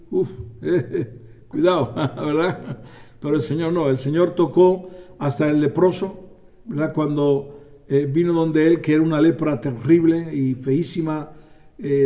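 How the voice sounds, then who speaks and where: A man preaching a sermon, animated, acting out voices and calling on the congregation for amens. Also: a little high, muffled recording.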